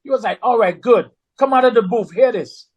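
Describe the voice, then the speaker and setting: A middle-aged man, a recording artist, telling a story in a casual, animated way and acting out the lines of the people in it. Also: extremely high pitch, a little fast, slightly rough, lo-fi sound. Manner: animated, acts out dialogue in quoted voices.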